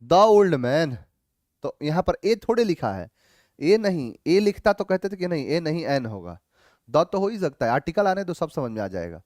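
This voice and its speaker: A man teaching an English grammar class, reading each sentence slowly and then explaining it in a mix of two languages, sometimes calling students "babu". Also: fairly high pitch, very animated, darkish tone, dry recording, clean studio sound. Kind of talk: online class going over grammar answers.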